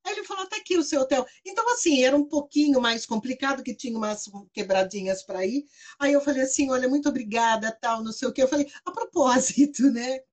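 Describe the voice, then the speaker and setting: A high-voiced Brazilian woman with a Brazilian Portuguese accent tells a story in casual conversation. She is animated and chatty, often tags her sentences and laughs between them. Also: quick pace. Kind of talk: casual chat.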